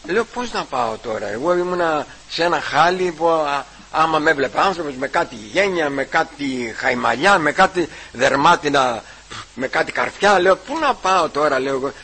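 A man giving a personal testimony at church. He retells the conversations and keeps repeating "I say" and "he says", with halting restarts. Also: on the high side, expressive, sharp tone, breathy edge, low-quality recording.

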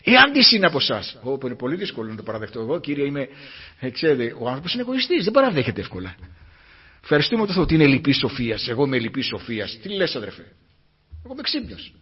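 A man preaching a fervent sermon, breaking into hallelujahs and rising from quiet murmurs to loud emphatic peaks. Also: sing-song, breathy edge. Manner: fervent, exclaims hallelujah between points; rises from low murmurs to loud emphatic climaxes. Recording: muffled lo-fi recording.

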